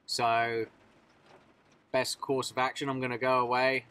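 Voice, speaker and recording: Mechanic vlogger, man in his thirties, plain mid-pitched voice, matter-of-fact phone-camera talk. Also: monotone, unhurried, pushed and bright, smooth. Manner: matter-of-fact, explanatory, frequent "uh" fillers. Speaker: mobile mechanic. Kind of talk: casual work vlog narration. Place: van cab and outdoors at a vehicle in rain. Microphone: phone camera held at arm's length.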